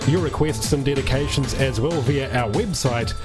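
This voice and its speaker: This is a New Zealand presenter on a music radio show, chatting in a friendly, upbeat way between songs. His medium-pitched voice moves at a moderate pace over background music in the studio.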